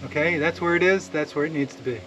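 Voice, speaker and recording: Fast and a bit bright, with the highs cut off, this slightly high male voice belongs to a sawmill owner in his forties explaining repairs outdoors. He chats and laughs easily while working in the wooded yard, with clear background noise.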